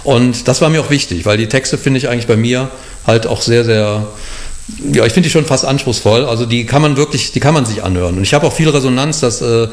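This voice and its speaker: A man's voice: mid-range voice, fairly quick. A middle-aged man from Cologne telling his life story in an interview, rambling with many fillers and restarts. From Cologne, Germany. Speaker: guest, bar owner and musician.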